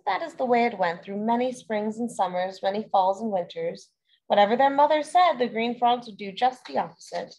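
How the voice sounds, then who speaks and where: A woman's voice: a little high, expressive, moderate pace, darkish tone, low-quality recording. A woman reading a children's story aloud as a storyteller, adding playful asides to young listeners.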